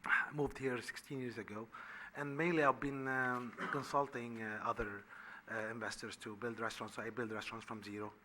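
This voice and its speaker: A man from Lebanon, a restaurant owner, gives public comment at a city meeting, halting and full of fillers and restarts. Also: mid-range voice, flat delivery, background noise. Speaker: restaurant owner applying for a license. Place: council chamber.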